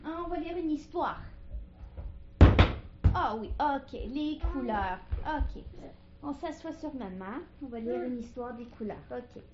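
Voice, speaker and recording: Mother, high coaxing sing-song baby talk, unhurried; echoey, dull home-video sound. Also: expressive, background noise. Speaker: parent talking to a toddler.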